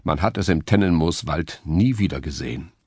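A man narrating a children's audiobook in an expressive storytelling manner. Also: a bass voice, normal speed, husky, dry recording, clean studio sound.

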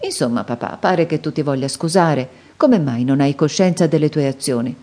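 Brief: lively young man, earnest and teasing, low and warm as read by a woman narrator for a storybook. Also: normal speed. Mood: reproachful. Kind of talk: audiobook character reading.

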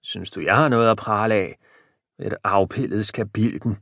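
A man's voice: fairly low pitch, steady tone, creaky, a bit bright, breathy edge, no room sound, clean studio sound, full character voice. A man voicing a gaunt, balding old husband who is hearty and good-natured, in an audiobook. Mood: cheery.

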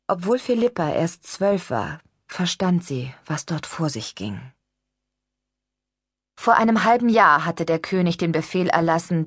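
A woman's voice: fairly low pitch, dry recording, clean studio sound. Woman narrating an audiobook. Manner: steady, even storytelling. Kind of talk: scripted narration. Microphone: studio microphone.

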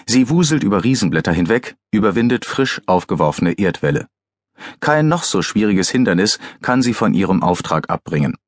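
A man reading an audiobook as narrator, calm and measured, on a close studio mic. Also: deep voice, no echo.

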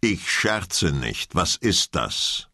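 A man with a deep, husky voice reading a stiff male fire inspector who speaks curtly and officiously. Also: sing-song, normal speed, sharp tone, no room sound, studio quality, heavily acted. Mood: stern. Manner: curt, officious.

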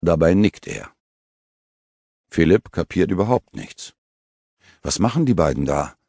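A man reading an audiobook with vivid, even storytelling. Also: deep voice, measured pace, husky, dry recording. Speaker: audiobook narrator. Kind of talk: scripted audiobook narration. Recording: dry studio recording.

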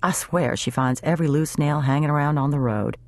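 A gruff, chatty older male mechanic who talks in a folksy, easygoing way, as a woman narrator plays him. The voice sits very low and is recorded close and dry. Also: fairly quick, darkish tone, no room sound, natural voice. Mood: grumbling.

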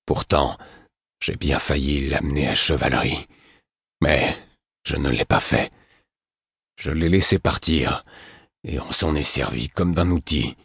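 A hoarse, grieving older man , as a male narrator puts him on murmurs slowly in a very deep, husky voice. The audiobook recording is dry and close. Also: fairly even intonation, fairly bright tone, dry recording, exaggerated voice. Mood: weary, grieving. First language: French. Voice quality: hoarse, heavy-hearted. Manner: slow, low, murmured. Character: weary grieving older man, gruff stable master.

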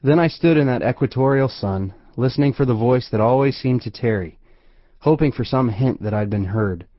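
A man reading an audiobook aloud as scripted first-person narration, with a wry, measured storytelling manner. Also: medium pitch, dry recording. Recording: dry, slightly dull studio recording.

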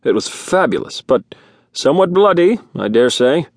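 A man's voice: fairly high pitch, big pitch swings, moderate pace, no echo, studio quality, voice pushed up. Man putting on a pompous, jovial fat host. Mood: expansive. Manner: pompous, showy. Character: jovial obese older human dinner host.

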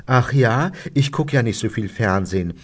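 A man's voice: on the low side, lively intonation, normal speed, darkish tone, husky. A man voicing a reproachful, self-important mother who gushes about cabaret. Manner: reproachful, gushing.

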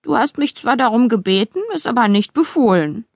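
A woman's voice: medium pitch, expressive, moderate pace, dry recording, natural voice. A woman voicing a cheeky male demon who lives in a big dog's body, speaking in a dry, unbothered way.

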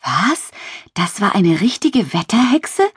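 A curious young witch girl, eager and easily amazed, as a woman reads her in a children's audiobook. Her questions rise with a lively lilt, recorded close and dry. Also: lowish voice, unhurried, slightly rough, no echo, full character voice.

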